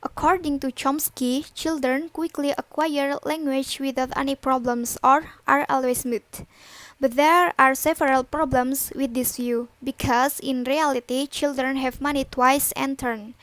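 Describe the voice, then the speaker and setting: A young woman, a student presenter reading a class presentation in a steady read-aloud way. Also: sits high, measured pace, no room sound. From Indonesia. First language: Indonesian. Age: young adult.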